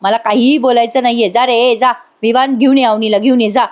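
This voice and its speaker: A woman's voice: a little high, steady tone, brisk, close to an everyday voice. A woman voicing a stubborn, angry older father who speaks sternly and refuses to listen.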